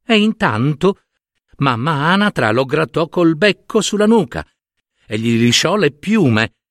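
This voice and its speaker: Man reading a children's story, slow, very lively pitch, dry close sound. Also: dry recording. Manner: slow, expressive, lively narration.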